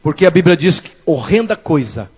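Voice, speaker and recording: A male pastor from São Paulo preaching a sermon in church, with loud rising bursts and quieter asides. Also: fairly high pitch, sing-song, brisk, husky. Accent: Brazilian Portuguese, São Paulo.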